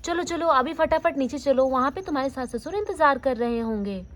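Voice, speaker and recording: A woman's voice: sits high, expressive, fairly quick. A woman voicing a caring, motherly sister-in-law who soothes and hurries the family along in a doll story. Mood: soothing.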